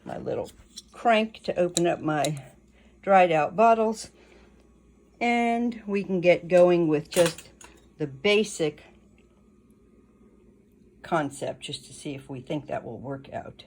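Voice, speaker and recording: Low-voiced woman musing over a painting. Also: a little mellow, a little hiss or hum. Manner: thinking aloud, unhurried and musing. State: hiccuping. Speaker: painting instructor. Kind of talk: casual painting tutorial narration.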